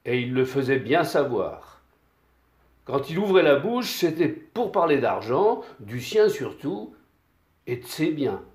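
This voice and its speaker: A man telling a folk tale in a slow, deliberate way with pauses. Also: medium pitch, big pitch swings, a little mellow. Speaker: storyteller. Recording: echoey room.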